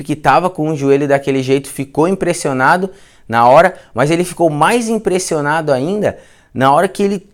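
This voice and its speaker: Brazilian male physio lecturer, slightly higher voice, smooth and clear, chatty storyteller who repeats himself. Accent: Brazilian Portuguese. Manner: chatty, repeats phrases, slangy asides. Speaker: physiotherapist teaching a live class. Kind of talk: informal storytelling case lecture.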